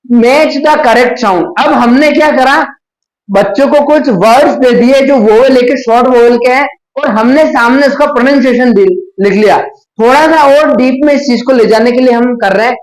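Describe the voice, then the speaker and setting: A man teaching a phonics lesson, explaining step by step and slowly sounding out letters and words. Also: very high voice, reverberant, low-quality recording.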